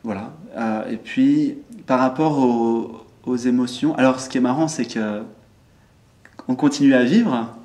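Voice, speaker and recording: Calm male spiritual teacher, reflective, hesitant, in a room with echo. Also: medium pitch, measured pace. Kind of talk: spiritual group discussion. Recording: roomy echo.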